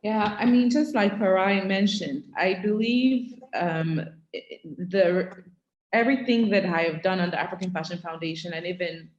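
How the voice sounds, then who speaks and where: A woman's voice: lowish voice, moderate pace, reverberant, muffled recording. A woman speaking earnestly, with fillers, as a foundation founder on an online panel.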